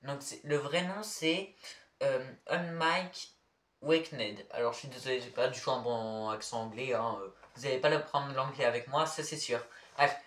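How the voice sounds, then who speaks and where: A man's voice: mid-range voice, normal speed, a bit bright. A man casually showing his figurine collection to the camera, talking hesitantly with many fillers and self-corrections. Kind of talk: casual show-and-tell to camera. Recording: echoey room, mic far off.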